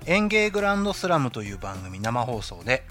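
A man's voice: medium pitch, a little fast, soft background music. A man co-hosting a casual podcast chat with an easygoing, agreeable manner, often echoing "yes, yes". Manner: relaxed, agreeable, lots of "sou sou". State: hiccuping. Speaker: podcast co-host.

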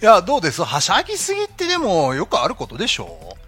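A man's voice: high voice, fast, over music. A man co-hosting a casual podcast chat with an easygoing, agreeable manner, often echoing "yes, yes". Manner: relaxed, agreeable, lots of "sou sou". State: hiccuping. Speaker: podcast co-host.

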